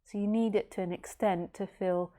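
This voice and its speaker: A woman's voice: mid-range voice, fairly even intonation, moderate pace, mellow. A woman in her late thirties, a spiritual teacher giving a casual philosophical talk in a rambling, easygoing way with jokey asides. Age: late 30s.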